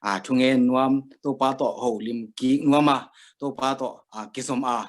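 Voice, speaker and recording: A man hosts a live stream from a video call. He talks loosely and casually, filling his pauses with drawn-out "ah" sounds. His voice sits at an everyday middle pitch. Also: fairly even intonation. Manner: loose and chatty, with frequent "ah" fillers. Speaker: host.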